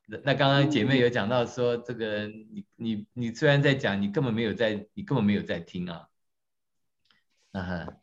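Church class teacher, man, lowish voice, lively and self-mocking, dull lo-fi recording. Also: moderate pace. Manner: lively, questions the audience, tells jokes on himself. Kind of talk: interactive teaching talk.

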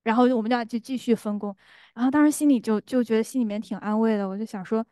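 一位年轻女性在教会里分享个人见证，语气真诚，夹杂不少停顿和口头语，还会模仿心里的声音。. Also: female voice, on the high side, fairly even intonation, fast talker, warm tone, no room sound, clean studio sound. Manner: earnest, many fillers, acts out inner voices. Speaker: church member giving testimony. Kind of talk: church testimony.

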